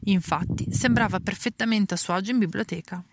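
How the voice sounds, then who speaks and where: A woman reading a children's story aloud slowly and clearly. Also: medium pitch, noisy background. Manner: slow, clear reading with voices for characters.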